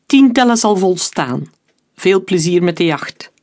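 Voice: mid-range voice, animated, measured pace, pitched above the performer's own voice. A narrator voicing a menacing male mercenary leader who mocks and relishes cruelty, in an audiobook. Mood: gloating. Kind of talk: audiobook character voice.

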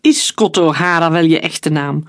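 A narrator voicing an angry male dock worker who shouts accusations at a suspected spy, in a story reading. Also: medium pitch, moderate pace, no echo, clean studio sound, lightly acted. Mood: accusing.

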